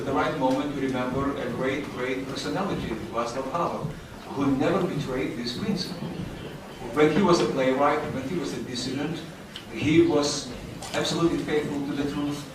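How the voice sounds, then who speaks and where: A man with a Central European accent speaks in a formal, rhetorical way on a discussion panel. His voice sits a little high. The recording is very reverberant and distant from the mic, with faint noise. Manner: emphatic, rhetorical, formal phrasing. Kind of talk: impassioned public panel discussion.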